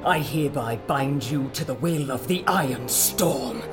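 A man's voice: mid-range voice, measured pace, natural voice. A man playing a ruthless cult leader who speaks in formal, imperious pronouncements, with music behind. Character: ruthless male cult leader, cold and domineering.

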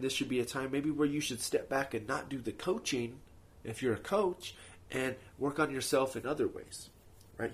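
A man's voice: mid-range voice, slightly rough. A man hosting a podcast, talking off the cuff with practical, motivational advice and frequent rhetorical check-ins. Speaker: host of a productivity podcast. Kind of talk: casual advice monologue, speaking off the cuff.

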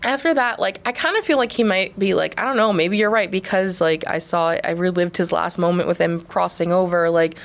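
A woman in her twenties co-hosting a podcast, telling a story in a casual, animated way, full of laughs and "like". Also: fairly low pitch, brisk, vocal fry, few pauses. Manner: animated, laughing, heavy use of "like". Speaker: podcast co-host.

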